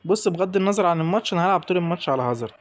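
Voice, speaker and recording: A young man with an Egyptian Arabic accent giving excitable, exasperated commentary over his own football gameplay. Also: high-pitched, rapid-fire. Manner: excitable, exasperated, talks to the players on screen. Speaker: gaming YouTuber.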